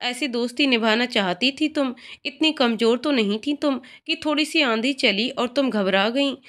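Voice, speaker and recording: A woman voicing an intense young man who speaks in forceful, emotional outbursts in a read-aloud story. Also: fairly high pitch, normal speed, close to an everyday voice. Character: intense young man, possessive then tender.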